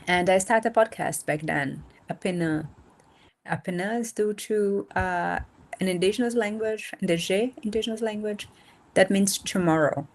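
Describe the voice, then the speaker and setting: A woman with a mid-range voice, in her thirties and from north and northeast Brazil, speaks Portuguese natively and founded a nonprofit. She's a guest in a relaxed interview on a remote video call, reflective in manner and pausing often, filling silences as she reaches for words.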